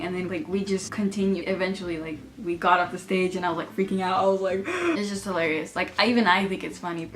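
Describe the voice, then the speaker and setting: A young adult woman casually telling stories to camera. She laughs often and fills her sentences with "like". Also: mid-range voice. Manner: giggly, laughs through her stories, many filler "like"s. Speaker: vlogger.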